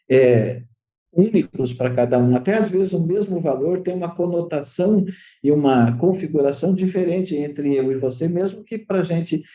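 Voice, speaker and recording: A Brazilian man speaks as a therapist guest in an interview, his voice somewhat high and mellow. He explains at length, often pausing on fillers and restarting his sentences. The audio sounds dull and lo-fi. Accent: Brazilian Portuguese. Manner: hesitant, many fillers and restarts.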